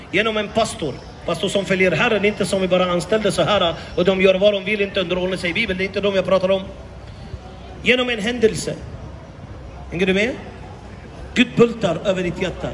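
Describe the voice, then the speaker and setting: Impassioned male street preacher, very high voice, outdoors, with faint traffic hum behind him. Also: a bit bright, big-room sound. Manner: impassioned, rhetorical questions, repeats phrases. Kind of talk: open-air evangelistic preaching.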